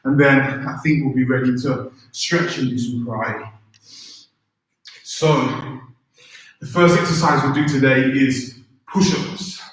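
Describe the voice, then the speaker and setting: A man's voice: mid-range voice, slow, pauses often. A man leading a live beginner karate workout, giving informal, encouraging instructions and counting out exercise commands. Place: echoey indoor room, recorded from a distance. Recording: very echoey room, distant microphone.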